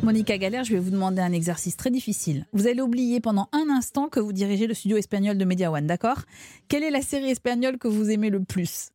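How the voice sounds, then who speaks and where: A woman's voice: mid-range voice, fast talker, dry recording, studio quality. A woman hosting a radio show about TV series, asking her guest questions and recommending shows. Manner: lively, guides guest with questions.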